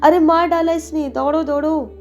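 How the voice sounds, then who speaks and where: Woman reader as sickly old man, whiny and breathless, pitched high, audiobook. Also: steady tone, moderate pace, a little mellow, dull audio, faint music behind. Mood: panicked screaming. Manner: whining, breathless pleading.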